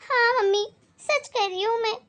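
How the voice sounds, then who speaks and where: A tearful young daughter, begging forgiveness in a high, quavering voice, as a woman puts her on. She sobs and pleads between her words. Her pitch sits very high. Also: moderate pace, fairly bright tone. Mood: tearful pleading. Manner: pleading, sobbing, apologetic.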